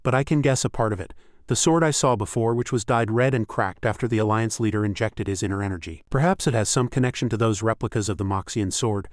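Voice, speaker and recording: A man voicing a calm, cunning young male swordsman in a story recap, with direct, measured delivery. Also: lowish voice, no echo, clean studio sound, close to an everyday voice. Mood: calm, firm. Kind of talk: recap narration voicing characters.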